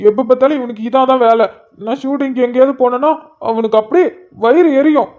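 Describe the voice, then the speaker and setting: A cartoon figure of a soft-hearted young man, voiced by a woman, emotional and sniffly with a very high voice. The audio is a little muffled and lo-fi. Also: quick pace, close to an everyday voice. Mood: fond. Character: tearful sentimental young man meeting an old friend. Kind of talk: cartoon voice acting.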